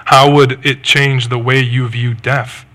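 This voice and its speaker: A male pastor delivering a sermon in an earnest, measured way. His voice is bright and forceful, pitched in a middle range. He builds his points with reflective questions. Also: flat delivery.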